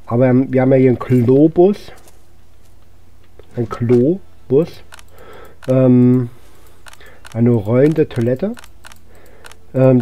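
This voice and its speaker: A man hosting a gaming channel gives casual let's play commentary, musing aloud to himself as he goes. His voice is medium-pitched with a dark tone.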